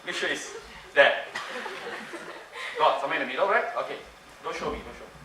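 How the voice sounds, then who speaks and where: Recorded from a distance in a roomy hall with background noise, laughter and room ambience, a man does a mind-reading trick during a conference talk. He coaxes the crowd playfully and repeats himself, speaking briskly in a fairly high, sharp-toned voice.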